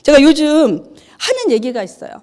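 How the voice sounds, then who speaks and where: Woman evangelist in her 50s, sermon; high, very animated delivery, acts out the dialogue. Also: normal speed. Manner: chatty, asks the congregation questions. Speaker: evangelist preaching.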